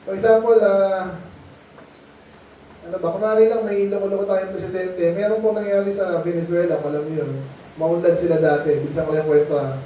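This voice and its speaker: High-voiced man preaching to children. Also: steady tone, fairly quick, slight background noise. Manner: conversational, asks the children questions. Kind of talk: Bible lesson sermon in Tagalog. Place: mission meeting space. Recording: muffled, echoey room, distant mic.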